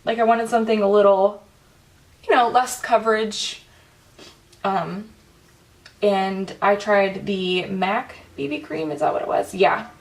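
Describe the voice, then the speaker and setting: This beauty vlogger, a young woman, speaks in a medium-pitched voice, unhurried and pausing often, through a distant mic. She chats casually during a makeup tutorial at home, leaning heavily on fillers like "um" and saying "like" often.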